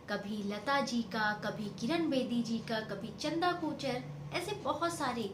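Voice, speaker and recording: A woman's voice: high voice, a bit bright. A woman telling a family story in a homely, conversational way. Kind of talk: oral storytelling. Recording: echoey room, faint noise.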